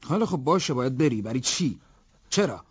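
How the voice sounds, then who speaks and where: An actor playing the calming, coaxing friend of a war veteran in a TV drama. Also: male voice, medium pitch, lightly acted. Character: patient male friend of the veteran. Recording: dull lo-fi TV drama sound with hiss.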